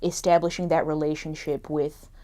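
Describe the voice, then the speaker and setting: With a low, dark voice and flat delivery at normal speed, a young woman co-hosts a podcast film review. She keeps it casual and chatty, leaning heavily on "like".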